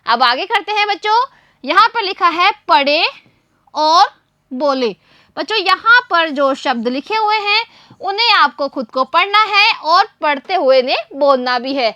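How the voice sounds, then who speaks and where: A woman's voice: extremely high pitch, expressive, unhurried, sharp tone, dry recording, muffled recording. A woman teacher giving a first-grade reading lesson, spelling out each word sound by sound and prompting the children to repeat after her.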